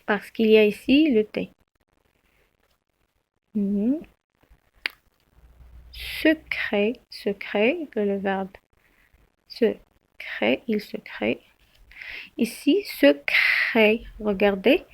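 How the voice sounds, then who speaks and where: A woman teacher, explaining spelling slowly, with frequent fillers and self-corrections. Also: medium pitch, gravelly. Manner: slow, halting, many fillers and self-corrections. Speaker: French teacher. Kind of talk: spelling lesson.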